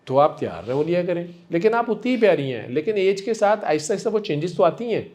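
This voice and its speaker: Gentle coaxing man, fairly high voice. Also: big pitch swings. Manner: gentle, coaxing, affectionate and repetitive. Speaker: spiritual healer counseling a patient. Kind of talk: one-on-one counseling session.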